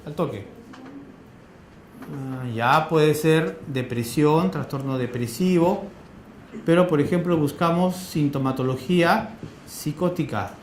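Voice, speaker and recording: Peruvian guy teaching a class, keeps throwing quick questions at students, kinda high voice, echoey room. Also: a little hiss or hum. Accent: Peruvian Spanish. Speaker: lecturer. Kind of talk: interactive classroom lecture.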